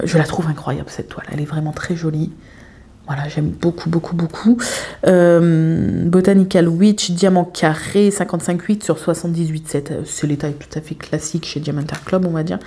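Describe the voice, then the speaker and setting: Chatty young woman showing off her craft stash, low-ish voice, lots of "euh". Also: dark tone. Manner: chatty, many filler pauses. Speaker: craft vlogger. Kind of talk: casual show-and-tell chat.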